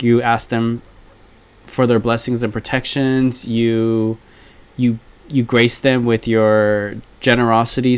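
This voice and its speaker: A man hosting his own talk show, speaking casually and rambling, with quoted threats that drop into low, intense mutters. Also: smooth. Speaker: podcast host.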